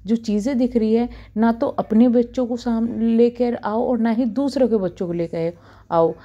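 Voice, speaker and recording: A woman's voice: on the high side, moderate pace, dark tone, muffled recording. A woman in her thirties talking to camera as a vlogger, earnestly scolding and giving advice. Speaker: YouTube reaction vlogger.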